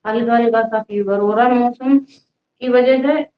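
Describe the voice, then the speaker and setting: A woman's voice: a little high, fairly even intonation, a little slow. A young woman teaching a casual live online class, chatty and teasing with her students, with a cold and a cough. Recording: roomy, dull lo-fi sound.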